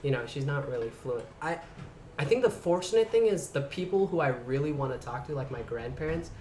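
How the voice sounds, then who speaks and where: A young man from the Bay Area, a guest in a casual interview chat, talking reflectively and trailing off quietly at the ends of his thoughts. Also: mid-range voice, lively intonation, brisk, echoey room, slight background noise. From San Francisco Bay Area. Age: young adult.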